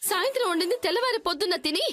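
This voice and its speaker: An actress playing a wronged, defiant young daughter-in-law in a TV serial, speaking with indignation. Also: female voice, very high-pitched, expressive, very fast, fairly bright tone. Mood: indignant. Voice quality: indignant, pleading. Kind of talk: TV serial acting.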